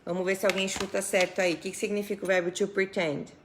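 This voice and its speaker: A Brazilian woman teaching English on a live stream, chatty and quick to laugh, greeting viewers by name between explanations. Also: mid-range voice, level tone, noisy background.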